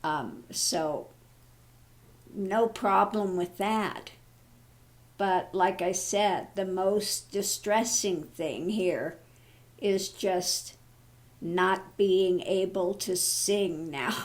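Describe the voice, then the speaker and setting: Casual, halting personal chat comes from a woman in her early seventies, an online vlogger and tarot reader. She has a good sense of humour and laughs at her own troubles, even as her voice, lowered by thyroid surgery, tires easily.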